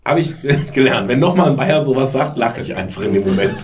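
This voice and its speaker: A man hosting a casual podcast chat, rambling and self-deprecating, quick to laugh at himself. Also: medium pitch, expressive, recorded from a distance. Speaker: podcast host.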